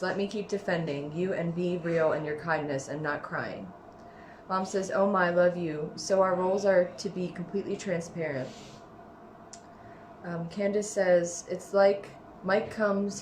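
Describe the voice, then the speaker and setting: A woman reading chat messages aloud in a flat reading voice. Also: on the low side, unhurried. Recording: echoey room, faint noise.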